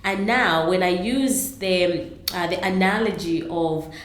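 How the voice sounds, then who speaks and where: A woman's voice: fairly low pitch, a little slow, roomy sound. A middle-aged woman from Zambia, answering interview questions earnestly, with many ums and restarts. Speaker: interview guest, entrepreneur.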